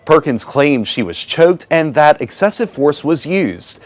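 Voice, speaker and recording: A man's voice: a little high, sing-song, a little slow, no echo. An American man delivering a scripted television news report as a reporter.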